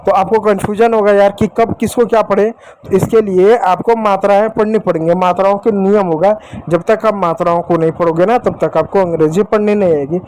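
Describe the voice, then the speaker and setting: High-voiced man teaching to children. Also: a little mellow, a little hiss or hum. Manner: addresses children directly, repeats points, asks questions. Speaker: English teacher. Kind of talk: classroom-style lesson for children.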